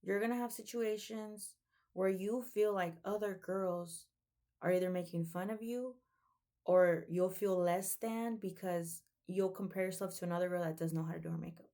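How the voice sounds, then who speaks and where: A woman's voice: on the low side, steady tone, moderate pace, warm tone. A young woman giving an earnest, preachy motivational talk in a casual way, often saying "like" and "um.". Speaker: vlogger.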